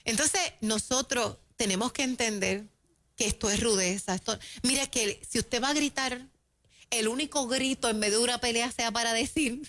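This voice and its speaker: A woman's voice: on the high side, normal speed, a bit bright, no room sound. Chatty Puerto Rican woman teaching. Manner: chatty, laughs between points. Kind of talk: conversational faith teaching.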